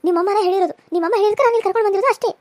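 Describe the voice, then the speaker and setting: Woman voicing a shrill defiant young bride. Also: very fast, darkish tone, no room sound. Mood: tearful. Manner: shrill, protesting.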